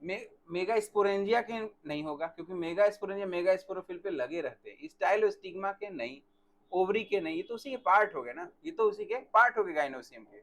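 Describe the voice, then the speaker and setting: A man teaching botany in a live online class, asking students questions by name and dictating answers slowly. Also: sits high, lively intonation, a bit bright.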